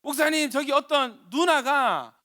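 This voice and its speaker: Man playing a young churchgoer, urgent and polite, high-pitched, dry close sound. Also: lively intonation, unhurried, pushed and bright, no echo, heavily acted. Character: alarmed young male churchgoer reporting.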